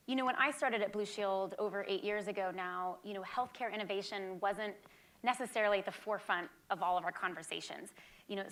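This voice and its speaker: A woman's voice: mid-range voice, a bit bright. Woman moderating a panel, chatty. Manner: conversational, frequent "you know".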